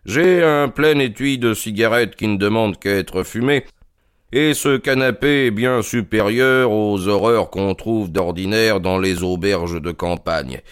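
A man voicing a self-assured detective in a storybook reading, drawling slowly. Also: fairly low pitch, clear, resonant tone, dry recording, studio quality, close to an everyday voice.

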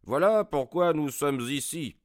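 A man voicing Sherlock Holmes as a calm, assured detective in a read-aloud story, pitching his voice up and giving it a different color. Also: a little slow, no room sound, clean studio sound.

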